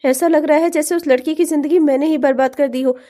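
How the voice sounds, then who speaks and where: A woman's voice: high voice, steady tone, fast, warm tone, lightly acted. A woman voicing a conscience-stricken young male friend in a cartoon, earnest and scolding. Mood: guilty. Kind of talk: cartoon voice acting.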